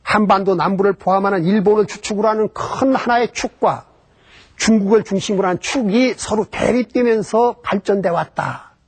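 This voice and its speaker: A man's voice: high-pitched, moderate pace, slightly rough. A man giving a history lecture about Japan, explaining step by step and posing rhetorical questions that he then answers himself.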